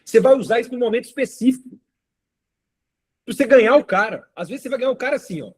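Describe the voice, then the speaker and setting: A man's voice: very high voice, lively intonation, fast, breathy edge. A man giving a casual online class as instructor, talking conversationally, often asking "got it?" and acting out client dialogue. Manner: conversational, frequent tag questions and acted client dialogue. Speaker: course instructor.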